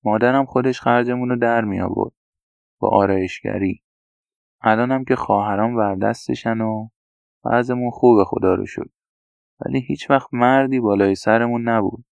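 A man voicing a young man raised among women, quietly confiding about his childhood. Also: mid-range voice, fairly even intonation, creaky, smooth, no echo, lightly acted. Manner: quiet, confessional recounting. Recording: dull, dry lo-fi recording.

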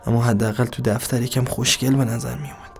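A man narrating an introspective dramatic monologue in a brooding, halting, bitter way. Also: mid-range voice, little pitch movement, gravelly, soft background music.

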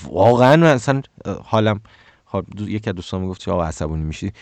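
A man's voice: fairly low pitch, expressive, darkish tone, no echo. A man giving career advice in a casual monologue. He gets heated, stammers, corrects himself, and rises sharply when indignant. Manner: many stammers and self-corrections.

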